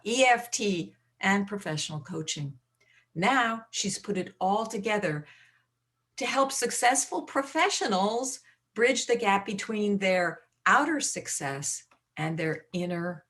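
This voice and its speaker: A woman hosting a live online interview, briskly introducing her guest and taking questions from the chat. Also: medium pitch, fairly bright tone. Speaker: host, interviewer. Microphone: video call.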